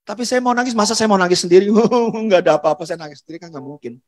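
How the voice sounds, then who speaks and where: A man with an Indonesian accent preaching a sermon as pastor, telling a personal story in a conversational way with soft asides. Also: high-pitched, expressive, racing.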